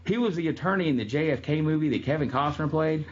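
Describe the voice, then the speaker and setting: A man's voice: fairly high pitch, expressive, quick pace. Chatty male lecturer, slightly muffled. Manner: chatty, storytelling, frequent ums. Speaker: music history lecturer. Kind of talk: casual classroom lecture. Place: classroom.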